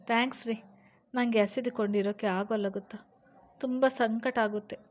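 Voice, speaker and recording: A woman's voice: a little high, fairly even intonation, moderate pace, a little mellow, natural voice. A woman voicing a sick young wife who talks in a childlike, pleading way.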